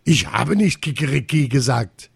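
Ein Mann, der einen pompösen Zirkusdirektor spielt, der in gedehnten, krähenden Ausrufen Reden hält. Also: male voice, very animated, slow pace, no echo, studio quality, heavily acted. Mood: indignant. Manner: grandly declaiming, crowing falsetto shouts. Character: pompous male circus director, loves giving speeches.

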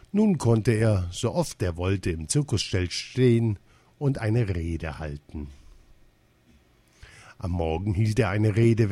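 Ein Mann, der ein Kinderbuch als Hörbuch ausdrucksvoll und gemessen vorliest. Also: male voice, low voice, no room sound. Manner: expressive, measured storytelling. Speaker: audiobook narrator. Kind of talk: children's story narration.

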